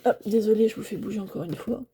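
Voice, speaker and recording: A budgeting vlogger chats casually while filling cash envelopes at home, narrating each little task, often apologizing to viewers and sometimes dropping to a near-whisper. Her medium-pitched voice is warm and quick, with a little hiss or hum in the recording.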